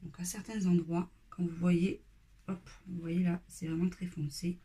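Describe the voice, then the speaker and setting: A woman hosting a step-by-step coloring tutorial, talking in a casual, relaxed way with fillers and dropping at times to a whisper. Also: fairly low pitch, measured pace, a little hiss or hum.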